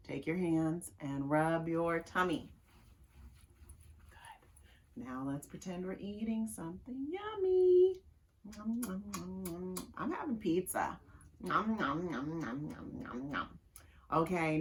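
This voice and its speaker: A woman's voice: lowish voice, a little hiss or hum. A woman librarian leading a children's story time, cheerfully reading aloud and guiding movement games. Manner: cheerful, animated, sing-song with children.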